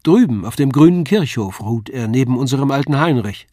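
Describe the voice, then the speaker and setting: A man's voice: mid-range voice, lively intonation, a little fast, warm tone, no echo, studio quality, natural voice. Man doing kindly older storyteller, fatherly. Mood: fond. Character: older man recounting his youth, fond and kindly.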